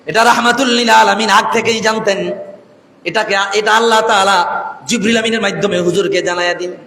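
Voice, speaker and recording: A man's voice: sits high, sharp tone. A man preaching a fervent sermon, chanting and sing-song, calling out to the crowd over a PA system. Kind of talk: Bengali waz sermon. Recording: echoey PA sound with long reverb.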